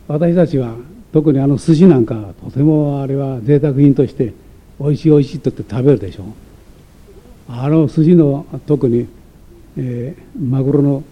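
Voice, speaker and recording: Male lecturer, dark husky voice, reads from a text and explains, hesitant and digressive. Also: medium pitch. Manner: digressive, many hesitation fillers and self-corrections.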